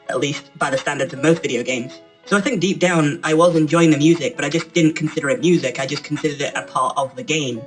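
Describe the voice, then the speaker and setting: A man puts on a little guy of a mascot presenter, his voice run through a voice changer that lifts it a notch higher than usual. He chats along casually and rambles. Faint music hums underneath. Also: rough recording. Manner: chatty, rambling, self-correcting. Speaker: channel presenter. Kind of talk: casual talk to camera.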